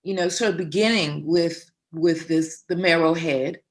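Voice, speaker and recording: A woman's voice: lowish voice, measured pace. A woman interviewer and playwright asking questions in an enthusiastic, effusive way, often restarting her words. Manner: enthusiastic, effusive, repeating words as she starts. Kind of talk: conversational interview.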